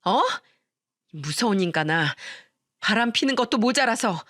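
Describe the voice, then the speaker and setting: A woman's voice: mid-range voice, animated, measured pace, a bit bright, no echo, studio quality. A woman voicing an angry, loyal young woman who scolds her older sister sharply and hurls accusations. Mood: furious.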